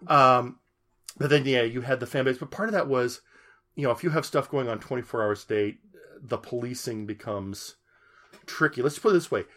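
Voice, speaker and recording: Bright-voiced man telling a rambling story. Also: mid-range voice, normal speed. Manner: rambling with many restarts, amused. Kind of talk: casual chat, storytelling.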